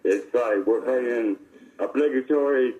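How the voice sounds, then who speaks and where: A man's voice: medium pitch, a little slow, dark tone, lo-fi sound. A man calling in to a radio show, heard over the radio, talking casually in a rambling, insistent way. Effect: voice of a caller over the radio. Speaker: call-in listener. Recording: radio phone-in call.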